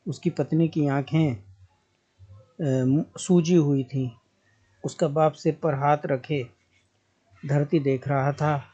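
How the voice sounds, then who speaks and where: A man reads a story aloud as a storyteller in a measured, deliberate way. His voice is somewhat high and mellow, and the recording has a dull, lo-fi sound. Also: steady tone, breathy edge. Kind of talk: scripted story narration.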